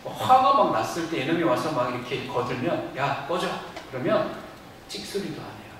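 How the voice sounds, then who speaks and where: A man pastor giving a lively sermon in a church, acting out quoted lines as he goes. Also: fairly high pitch, fairly quick, background noise. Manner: animated preaching with acted-out quotes. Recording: echoey church sound from a distance.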